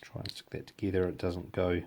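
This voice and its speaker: A man with a New Zealand accent and a gravelly voice, giving a casual hands-on hobby demonstration in halting, unscripted phrases. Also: completely flat delivery, darkish tone, a little hiss or hum. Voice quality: gravelly, low voice. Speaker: hobby tutorial presenter.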